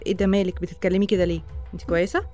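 A woman's voice: fairly low pitch, flat delivery, racing, mellow, faint music behind, close to an everyday voice. A woman playing a bossy Egyptian middle sister. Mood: worried. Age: young adult. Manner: bossy, teasing. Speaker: college student sister. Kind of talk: radio drama acting.

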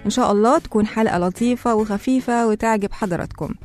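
A woman's voice: on the high side, fast talker, a little mellow, soft background music. A woman with an Egyptian accent hosting a radio talk show and speaking to her listeners. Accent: Egyptian Arabic.

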